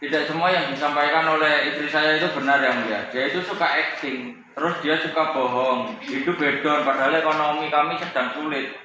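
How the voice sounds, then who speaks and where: A man's voice: fairly high pitch, steady tone, brisk, pushed and bright. A man playing a defendant husband in a mock trial, speaking with resentment against his wife. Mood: resentful. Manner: resentful, accusing. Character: resentful husband accused in court. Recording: echoey room, muffled, faint noise.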